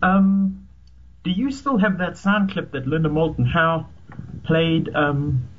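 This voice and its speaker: A man's voice: a little high, slow, narrow, tinny audio, slight background noise. A man from Africa, calling in over an internet call from his computer mic. He sounds like he is in a tunnel and hesitates with many ums. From South Africa. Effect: hollow echoing tunnel sound. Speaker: caller.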